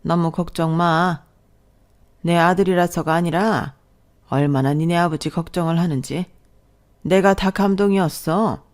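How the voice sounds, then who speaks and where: A woman's voice: lowish voice, unhurried, natural voice. A talkative middle-aged mother-in-law, voiced by a woman narrator, in an audio story. She fusses and consoles in a doting, motherly way and never tires of praising her son. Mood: fussing.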